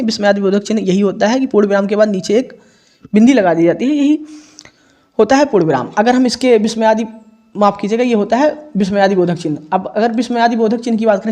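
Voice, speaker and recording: Solving an exam paper during class, this male teacher explains each step with frequent repetitions and self-corrections. His voice sits high and has a darkish tone.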